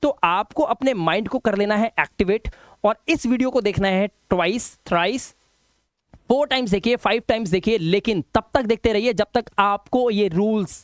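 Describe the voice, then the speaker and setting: A man's voice: sits high, moderate pace, no echo, clean studio sound. A man teaching English pronunciation rules in a lesson. He asks himself questions and answers them, then drills the words.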